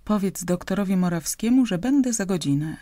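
A woman reading an audiobook, voicing a phlegmatic male doctor who answers curtly and calmly. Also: mid-range voice, brisk, no room sound, clean studio sound, lightly acted. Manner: curt, calm, flat replies. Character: phlegmatic terse middle-aged male doctor.

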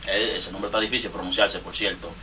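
In a rambling monologue full of laughter, a Dominican Spanish-accented man teases and roasts other artists. He speaks quickly in a low, steady, sharp-toned voice, recorded from a distance with faint ambience and slight background noise.

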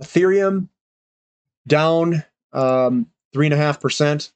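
A man's voice: on the high side, takes it slowly, clear, resonant tone, no echo. A man, congested from a cold, giving casual, rambling market commentary as the host of a finance channel. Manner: loose, rambling, with frequent fillers.

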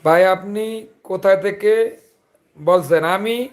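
A man's voice: high voice, takes it slowly. A man from Chandpur, Bangladesh, with a Chandpur Bengali accent, hosting a casual livestream and chatting with viewers. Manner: chatty, greets viewers and asks for comments. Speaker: livestream host. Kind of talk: casual live chat with viewers.

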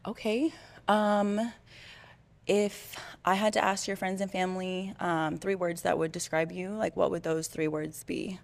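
A woman's voice: fairly low pitch, steady tone, a little slow, creaky, a little mellow. A young woman contestant on a dating show, speaking casually and hesitantly, with many ums, into a handheld mic. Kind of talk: casual chat. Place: bright indoor studio set.

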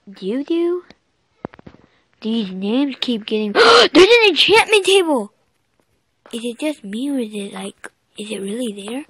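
Slow, chatty female game streamer. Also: a little high. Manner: chatty, excitable, gasping and exclaiming. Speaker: gaming channel host. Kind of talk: let's-play game commentary.

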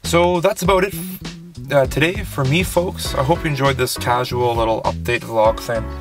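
Over music, a young adult vlogger from Canada talks in a mid-range voice with fairly even intonation at a moderate pace. He rambles casually with lots of ums and restarts, inside a small car and later out in a snowy lakeside parking lot.

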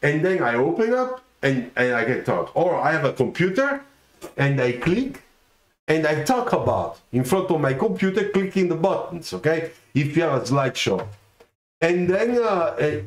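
Animated man, roomy room. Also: on the high side. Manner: animated, gestures a lot, keeps asking "okay?". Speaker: car designer giving career advice. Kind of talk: livestreamed talk to viewers. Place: home studio room. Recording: roomy echoey room sound.

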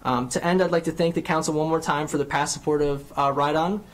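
A young man with a slightly high voice reads public testimony into a desk microphone in a big council chamber. He is earnest and sincere, and he fills pauses with frequent ums and uhs. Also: steady tone. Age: young adult. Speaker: public hearing speaker, bus rider. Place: large county council chamber, seated at a desk. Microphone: desk microphone on a stand.

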